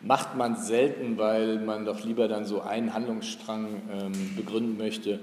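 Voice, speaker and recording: A man giving a university lecture, relaxed and thinking aloud with many fillers. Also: lowish voice, unhurried. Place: lecture hall. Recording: roomy echo in a lecture hall, faint room noise.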